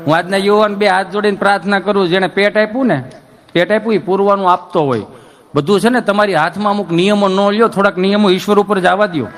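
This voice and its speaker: A man's voice: sits high, fairly even intonation, fast, fairly bright tone, faint music behind. A middle-aged man, a folk comedian telling stories and teasing and lecturing his listeners in a playful, preachy way. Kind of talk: comic dayro storytelling to an audience.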